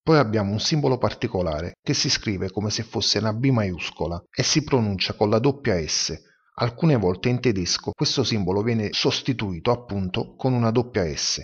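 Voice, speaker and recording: A man teaching a language lesson, explaining pronunciation and sounding words out slowly and deliberately. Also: fairly low pitch, breathy edge. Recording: dull lo-fi recording.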